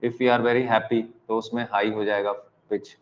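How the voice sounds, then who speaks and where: Slow-dictating Indian male teacher. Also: lowish voice, little pitch movement, dull audio. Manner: slow dictation, spelling words out letter by letter and repeating key lines; mixes Hindi and English. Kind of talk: online exam-prep lecture.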